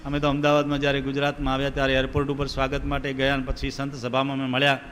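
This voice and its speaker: A man's voice: medium pitch, completely flat delivery, rapid-fire, a bit bright. A male preacher gives a devotional sermon, telling stories and putting rhetorical questions to his listeners. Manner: storytelling, asks the audience rhetorical questions. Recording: reverberant hall with sitar music behind.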